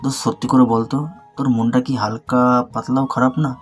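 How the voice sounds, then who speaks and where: A woman's voice: rumbling low, level tone, normal speed, faint music behind, voice pushed down. A woman voicing an eager, nosy young male college friend in an audio story. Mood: prying. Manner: eager and prying.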